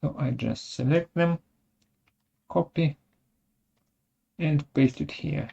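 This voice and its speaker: A webinar presenter of unclear sex demonstrates software very slowly, breaking the step-by-step tutorial into short, halting bits. Their voice is dark, creaky and medium in pitch, and the recording is dull and lo-fi with the odd mouse click.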